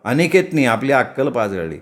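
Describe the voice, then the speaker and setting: A man's voice: mid-range voice, big pitch swings, moderate pace. A man narrating a story with dramatic, vivid delivery.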